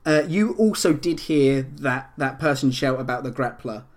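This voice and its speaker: A man running a tabletop role-playing game as game master, describing scenes in a halting way with many fillers and restarts. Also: medium pitch, animated.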